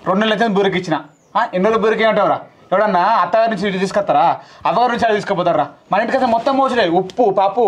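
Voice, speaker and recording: A young man with a Telangana Telugu accent, playing a village husband who scolds his wife for dowry in quick, threatening bursts. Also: high voice, lightly acted. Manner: scolding, rapid-fire, threatening. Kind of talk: village comedy sketch acting.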